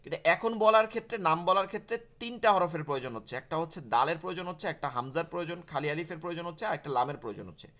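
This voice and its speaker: A man's voice: on the high side, lively intonation, racing, few pauses, pushed and bright. A man teaching an online Quran class, explaining step by step, repeating key terms and asking and answering his own questions.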